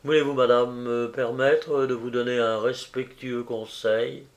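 A man's voice: medium pitch, level tone, a little slow, lightly acted. A man reading aloud as a solemn, respectful male secretary who speaks with reluctant gravity. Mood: cautious. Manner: hesitant, solemn.

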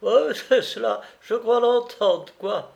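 A man reading aloud voices a playful young female cook in a high, mocking, giggly tone. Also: slow, vocal fry, heavily acted. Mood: giggling.

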